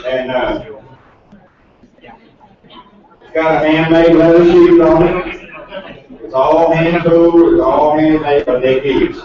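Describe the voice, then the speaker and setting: A man's voice: on the high side, fairly even intonation. Man auctioneer chanting in echoey hall. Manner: rapid rhythmic bid calling with folksy asides. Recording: distant echoey lo-fi recording with loud crowd.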